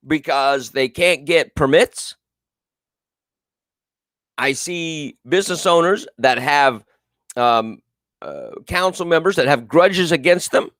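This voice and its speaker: This male talk show host's voice sits a little high with a fairly bright tone, captured in studio quality with no echo. Booming and emphatic, he repeats his political points during a live call-in segment and reads out comments from viewers.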